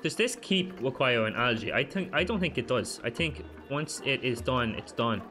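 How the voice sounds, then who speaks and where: A man giving let's play commentary as a gaming channel host, frantic and swearing, talking to himself and his viewers, his pitch jumping up sharply whenever he panics. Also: lively intonation, normal speed, music in the background.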